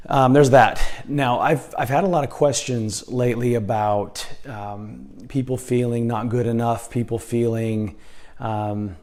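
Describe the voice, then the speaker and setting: In a casual vlog shot in a slightly echoey indoor room, a hoarse-voiced man speaks earnestly as a life coach. His pitch is medium and his tone warm, and he uses lots of fillers and restarts.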